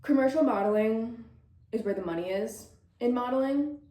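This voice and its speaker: With a fairly high pitch yet a dark tone, this model and vlogger in her twenties answers viewer questions at a moderate pace. The casual Q&A to camera is bubbly and chatty, full of laughter, and she is a little out of breath. A roomy echo is audible.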